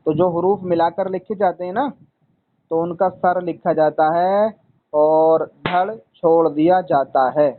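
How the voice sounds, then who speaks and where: A man with a fairly high pitch speaks slowly over phone-quality sound with a little hiss or hum. In a one-on-one lesson he patiently teaches Arabic letters, repeating himself and often calling his student son.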